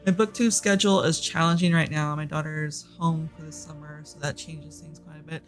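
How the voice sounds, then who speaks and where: During a reading sprint, this Texan streamer with a Southern accent keeps up loose, filler-heavy livestream chatter. Medium in pitch and fairly even in intonation, the voice runs a little fast, with faint music in the background and a desk microphone in use instead of the headset.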